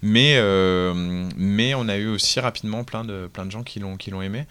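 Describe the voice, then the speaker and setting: A man's voice: lowish voice, moderate pace, smooth. A man, a film director, telling anecdotes in a casual interview and acting out what people said. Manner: animated storyteller, acts out quotes loudly.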